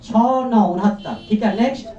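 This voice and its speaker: A man's voice: sits high, normal speed, warm tone. A man teaching a class, quizzing students and firmly repeating each of their answers back to them. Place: classroom indoors. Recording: echoey, distant, dull classroom recording.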